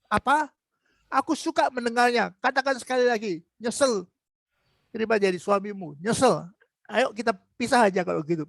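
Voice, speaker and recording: A man's voice: sits high, moderate pace, gravelly, pauses often, a bit bright, no room sound. A man in his seventies voicing a lazy, cruel husband who mockingly taunts his wife. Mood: gloating. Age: 70s.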